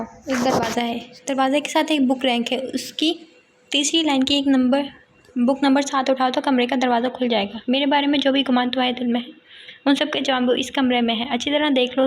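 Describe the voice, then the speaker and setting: A woman narrator voicing a young man who teases his wife and then speaks with calm assurance, read in her own voice. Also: high voice, a little fast. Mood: teasing. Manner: breezy, teasing, calm assurance. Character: young man, teasing then earnest husband.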